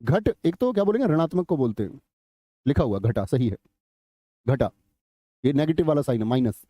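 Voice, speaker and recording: A man's voice: medium pitch, big pitch swings, a little fast, dry recording, highs cut off. A middle-aged man teaching a live online grammar class, chatty, telling anecdotes and quizzing students.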